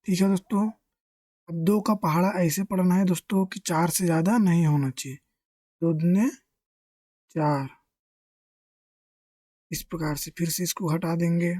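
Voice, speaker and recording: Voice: medium pitch, steady tone, unhurried, long pauses, warm tone, dry recording, clean studio sound. A maths teacher giving a step-by-step lesson, asking questions and answering them, and keeping to a friendly address to the viewers. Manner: keeps addressing listeners as friends.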